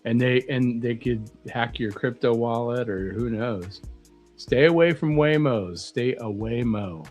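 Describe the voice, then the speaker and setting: A man co-hosting a casual livestream chat, rambling and animated as he tells stories. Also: mid-range voice, measured pace, faint music behind. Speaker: co-host.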